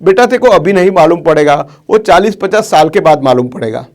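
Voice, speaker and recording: A man voicing an elderly father who gently advises his son about saving money, in a storyteller's retelling. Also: on the high side, expressive, a little fast, pitched below the performer's own voice, lightly acted. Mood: fatherly.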